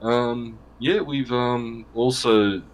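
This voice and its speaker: A man's voice: medium pitch, steady tone, extremely slow. A man guest in a casual interview, talking at length in a loose, joking way with frequent restarts. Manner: rambling, joking, self-correcting.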